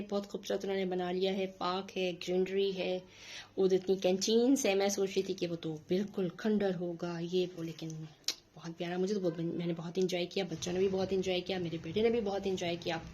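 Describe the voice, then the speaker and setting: A middle-aged woman, telling a story in a casual vlog in an animated, indignant way. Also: fairly low pitch, a little hiss or hum. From Pakistan. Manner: animated, indignant, acts out quotes. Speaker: vlogger.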